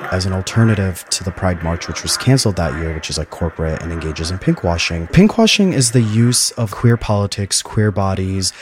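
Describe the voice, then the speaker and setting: A man's voice: sits low, lively intonation, brisk, hardly any pauses, heavy background noise. A man in his twenties from Palestine, telling his own story in a thoughtful, earnest way. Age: 20s. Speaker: housing case manager and graduate student. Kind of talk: reflective personal narration.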